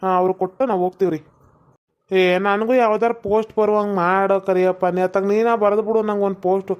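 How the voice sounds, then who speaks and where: A woman's voice: medium pitch, steady tone, fast talker, natural voice. A woman playing a chatty, nosy male village postman in a comedy sketch. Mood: teasing. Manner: nosy, teasing banter. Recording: slightly dull lo-fi recording.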